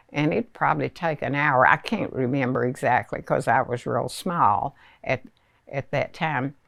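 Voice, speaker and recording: A very old woman in her nineties with a Southern US accent, reminiscing in a hesitant, unhurried storytelling way with many pauses. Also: rumbling low, gravelly, fairly bright tone, no echo, clean studio sound. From rural Arkansas, United States. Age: 90s, very old. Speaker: elderly interviewee recalling childhood. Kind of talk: reminiscing oral history.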